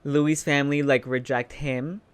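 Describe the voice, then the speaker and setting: A man's voice: fairly high pitch, flat delivery, a little slow, smooth. A man giving casual, chatty reaction commentary, informal and emphatic, repeating phrases for emphasis. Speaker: reaction video host.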